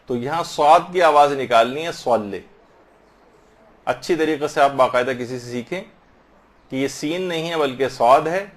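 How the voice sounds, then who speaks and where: A man giving a religious lesson, slowly demonstrating and repeating words of prayer to correct pronunciation. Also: fairly high pitch. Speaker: religious teacher.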